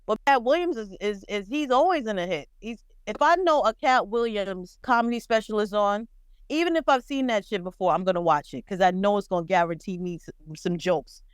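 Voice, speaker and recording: A woman co-hosting a podcast, chatting bluntly and profanely about celebrity gossip with lively storytelling. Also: mid-range voice, fairly quick, smooth, no room sound. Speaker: podcast co-host. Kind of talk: casual pop-culture chat.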